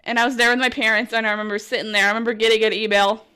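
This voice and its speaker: A young woman hosting a podcast, telling a chatty, excitable story with lots of "like" and "oh my gosh" as she quotes herself. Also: fairly high pitch, rapid-fire, smooth. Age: young adult. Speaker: podcast host and college sports broadcaster. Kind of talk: casual storytelling monologue.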